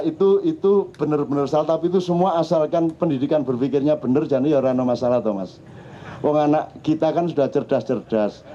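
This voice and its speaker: A man's voice: on the high side, mellow. A middle-aged man with a Javanese accent, telling funny stories to a live audience in a teasing, chatty way. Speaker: speaker at a public discussion forum. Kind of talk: humorous storytelling to a live audience. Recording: muffled lo-fi live recording.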